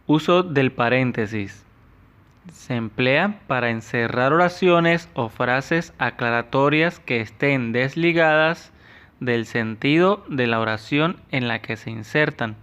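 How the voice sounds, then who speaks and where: A man with an Ecuadorian Spanish accent, a teacher giving a lesson to children, explaining slowly and carefully. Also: mid-range voice, a bit bright, clean tone. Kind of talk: classroom lesson. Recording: dull lo-fi sound.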